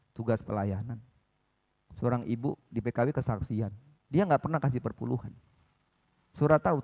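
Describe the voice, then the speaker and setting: A man preaching a sermon at a church service, talking in an animated way and often asking the congregation "ya kan?". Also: high-pitched. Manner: acts out quoted dialogue in changed voices.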